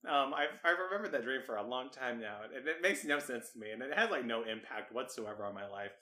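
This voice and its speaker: A man's voice: medium pitch, fast. A man co-hosting a casual podcast, recounting an odd dream in a rambling way with frequent laughter. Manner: laughing storyteller, relaxed and rambling. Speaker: podcast co-host. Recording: roomy echo.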